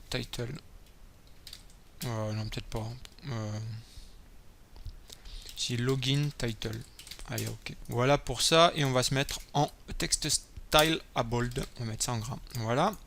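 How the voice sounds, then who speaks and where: A man's voice: medium pitch, gravelly, a bit bright, a little hiss or hum. A man hosting a screencast coding tutorial, casually thinking aloud as he types and explains each step. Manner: casual, thinking aloud while typing code.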